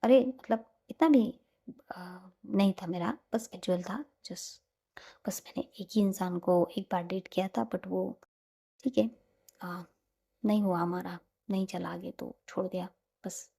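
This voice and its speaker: A playful young woman who teases her partner, as a woman narrating puts her on. Her voice is warm and dark with a breathy, gravelly texture, and her banter is light and quick. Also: medium pitch. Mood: candid.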